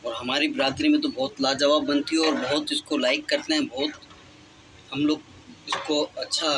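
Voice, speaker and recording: A man's voice: fairly high pitch, fairly even intonation, moderate pace, vocal fry, noisy background. A man hosting a home cooking channel, talking through each step of a recipe in a casual, chatty way with frequent filler phrases.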